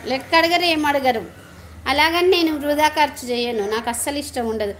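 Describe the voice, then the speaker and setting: A woman's voice: high-pitched, moderate pace, a bit bright. A middle-aged woman, chatting casually on a live stream, laughing often and greeting viewers.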